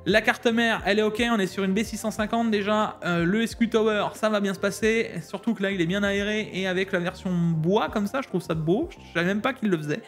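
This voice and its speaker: Brief: high-voiced man from Alsace, chatty tech-deals host, faint music underneath. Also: fairly bright tone. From Alsace, France. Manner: fast, chatty, slangy, laughs often. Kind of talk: casual deal rundown.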